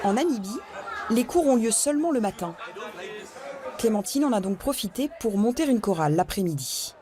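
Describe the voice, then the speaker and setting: A woman narrating a documentary report in a scripted, even and measured way. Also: fairly high pitch. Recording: crowd and noise in the background.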